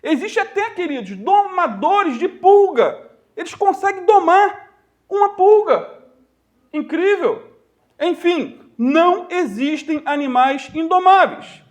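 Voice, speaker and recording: A male pastor with a Brazilian Portuguese accent, preaching a sermon and telling stories to the congregation. He addresses his listeners as dear ones and brothers, and slows down to stress key phrases. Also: extremely high pitch, sing-song. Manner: storytelling preacher addressing the congregation as "queridos" and "irmãos".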